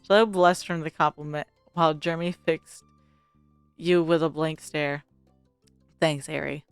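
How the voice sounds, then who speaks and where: A woman's voice: sits low, steady tone, moderate pace, clean tone, no room sound, faint music behind. A woman reading a visual novel aloud, narrating expressively and switching into character voices.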